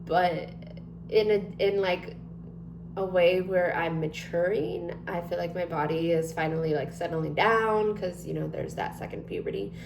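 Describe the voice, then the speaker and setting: This twenty-something female vlogger has a lowish, creaky voice and a measured pace as she rambles to camera, dropping many ums and likes. Echo fills the room, along with a noticeable hum.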